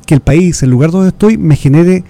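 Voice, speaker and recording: A Chilean man with a Chilean accent and a slightly high, dark-toned voice speaks at moderate pace as a guest expert in an explanatory interview. He lectures earnestly, asks rhetorical questions and restarts words.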